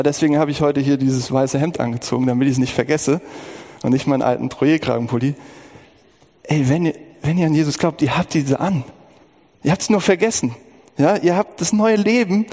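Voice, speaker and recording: A man's voice: mid-range voice, mellow, in a large hall. A middle-aged man preaching a sermon as pastor, talking earnestly and personally, with emotional outbursts.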